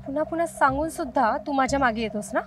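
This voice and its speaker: A young actress playing a sharp, scornful village woman who stands up to a stalker. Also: sits high, fast, noisy background, lightly acted. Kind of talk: web series acting.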